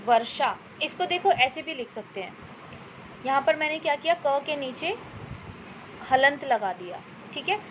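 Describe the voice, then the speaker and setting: A woman teacher patiently explaining a worksheet to children step by step, checking in often and slowing down to dictate example sentences. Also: high-pitched, expressive, fairly bright tone, lo-fi sound, slight background noise. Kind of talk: Hindi worksheet lesson for children.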